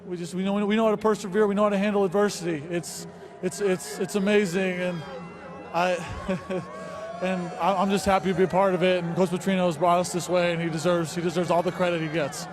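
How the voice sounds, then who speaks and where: A young man, a college football player, giving a halting post-game interview with repeated words. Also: high voice, flat delivery, background noise. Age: young adult. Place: outdoor football stadium field. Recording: loud stadium crowd behind, outdoors.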